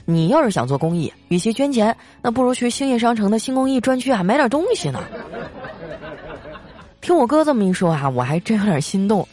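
A woman's voice: on the high side, soft background music. A young woman doing a comic storytelling monologue, joking and drawing out her particles. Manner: lively, joking, sprinkled with drawn-out particles. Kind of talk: comic monologue with sponsored segment.

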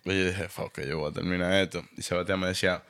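A man, a guest in a casual podcast chat, telling his story with animated, acted-out quotes. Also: sits low, fast, clean tone.

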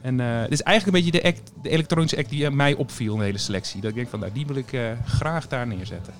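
A man's voice: mid-range voice, very fast. A man guest chatting on a radio show about booking bands, with many fillers and restarts. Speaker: festival programmer, guest. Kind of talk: casual radio chat.

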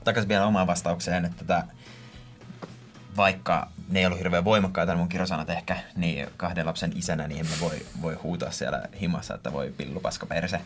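A man's voice: low voice, fairly even intonation, faint music behind. A man in his thirties co-hosting a podcast, joking playfully and imitating sounds in casual chat. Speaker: podcast co-host.

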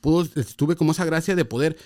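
A man's voice: fairly high pitch, fast talker, darkish tone. A man telling a personal conversion story in casual chat, mixing with English slang. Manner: mixes Spanish and English slang, emotional storytelling.

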